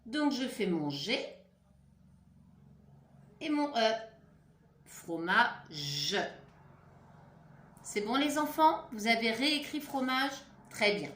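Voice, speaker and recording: A woman teacher slowly dictating words syllable by syllable to young children, encouraging and patient. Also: fairly high pitch, animated, reverberant. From France. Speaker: primary school teacher.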